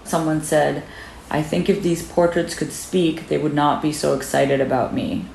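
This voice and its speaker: Low-voiced earnest woman from Sri Lanka. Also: fairly even intonation, moderate pace, vocal fry, a little mellow, roomy sound, a little hiss or hum, rough recording. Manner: earnest, personal and emphatic. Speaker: interviewee, doctor. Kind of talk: interview.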